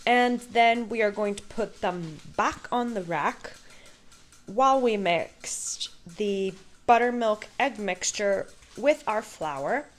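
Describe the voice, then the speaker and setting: A woman's voice: mid-range voice, expressive, takes it slowly. A young woman, the daughter, hosting a casual cooking vlog from a home kitchen with a bubbly, playful manner. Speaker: vlogger, daughter.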